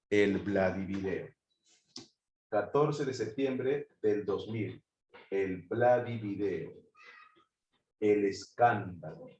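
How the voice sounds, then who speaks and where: Brief: male history teacher, live class, mid-pitched voice, chatty and questioning, echoey room. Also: darkish tone. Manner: conversational, asks students rhetorical questions. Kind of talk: live online class lecture.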